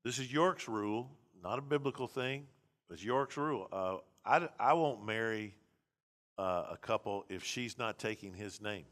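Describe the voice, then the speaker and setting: Blunt, slightly low-voiced man lecturing. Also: expressive, normal speed, fairly bright tone. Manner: conversational, blunt, many restarts. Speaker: pastor teaching a seminary class. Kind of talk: classroom lecture.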